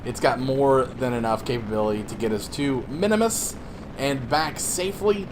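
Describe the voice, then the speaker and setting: A man's voice: medium pitch, moderate pace, noisy background. A young man hosting a let's play, explaining the game casually and rambling with lots of fillers and restarts. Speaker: gaming channel host.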